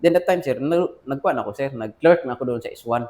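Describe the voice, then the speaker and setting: A man's voice: mid-range voice, lively intonation, fast talker, darkish tone. Filipino army officer telling his story. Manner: addresses listener as sir often, quotes dialogue. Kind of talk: casual interview storytelling.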